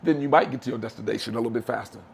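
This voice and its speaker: A man's voice: medium pitch, rapid-fire, gravelly, a little hiss or hum. A man giving emphatic, preachy motivational talk on a podcast, using street slang. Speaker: podcast co-host.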